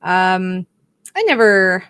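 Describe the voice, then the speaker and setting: Woman, young adult, podcast co-host, casual rambling chat, lower pitch. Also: sing-song, takes it slowly, a bit bright, clear, resonant tone. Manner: chatty, rambling, self-correcting.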